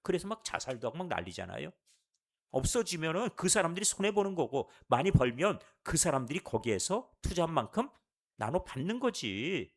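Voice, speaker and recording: A man's voice: fairly high pitch, a little fast. A male pastor giving a sermon at a Friday church service, asking the congregation question after question. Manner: animated, rhetorical questions to the congregation.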